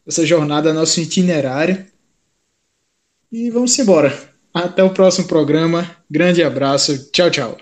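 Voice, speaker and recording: A man's voice: a little high, normal speed. A man hosting a sports podcast in an informal, colloquial way. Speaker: podcast host. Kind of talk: casual sports podcast talk.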